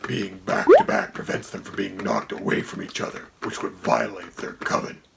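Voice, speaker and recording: A man voicing a haughty dragon co-host who speaks in a gravelly, whispery voice and a dry, condescending tone. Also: low-pitched, wildly swooping pitch, moderate pace, very noisy, heavily acted. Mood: deadpan. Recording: music playing under the voice.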